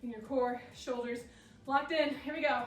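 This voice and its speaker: A high-pitched woman coaches a workout while exercising alongside. She sounds winded and encouraging. The recording is roomy, and she sits back from the mic. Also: fairly even intonation, moderate pace, recorded from a distance. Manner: encouraging, breathless between exercises. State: out of breath. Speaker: fitness coach. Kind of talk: workout instruction.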